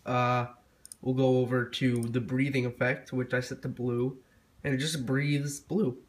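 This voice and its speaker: A young tech reviewer with a stuffy, cold-sounding voice rambles casually about a product, full of fillers and restarts. His mid-range voice stays level, and he talks a little slowly.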